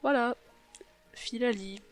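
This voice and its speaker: A woman's voice: a little high, slow pace, faint music behind. A woman with a cold and a blocked, nasal voice gives a casual, hesitant game tutorial, often correcting herself. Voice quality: nasal, stuffy blocked-nose voice. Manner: hesitant, self-correcting, apologetic. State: sick with a blocked nose. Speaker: YouTube gaming video host.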